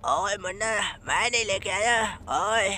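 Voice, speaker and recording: A man's voice: sits high, a little slow, bright, forceful tone, a little hiss or hum, full character voice. A man voicing a cheeky, bossy cartoon cat in a comic fan dub over gameplay, talking with brash swagger. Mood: boastful. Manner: brash, swaggering, calls everyone little one.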